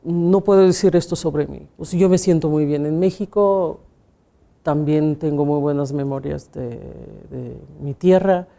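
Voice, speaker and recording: A Russian-accented woman, a pianist and music teacher, answers interview questions reflectively, making small grammar slips and often ending with a questioning tag. Her voice is deep, creaky and dark-toned, and she speaks a little slowly.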